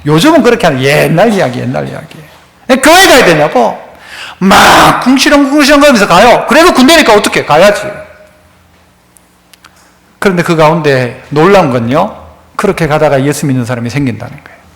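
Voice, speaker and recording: A man's voice: fairly high pitch, sing-song, brisk, vocal fry, fairly bright tone. A man preaching a sermon as pastor, telling stories and acting out the voices of the people in them. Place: church sanctuary. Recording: echoey church hall.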